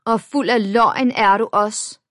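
Snide and shrill, this is a schoolgirl bully who mocks and jeers at every turn, put on by a woman reading a children's book. The voice sits high and loud over a dry, close recording. Every line lands as a taunt. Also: no room sound, lightly acted. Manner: sneering, taunting.

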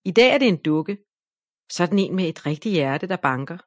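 Woman gently reading a children's story. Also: lowish voice, no room sound, studio quality. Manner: gentle, even storybook narration.

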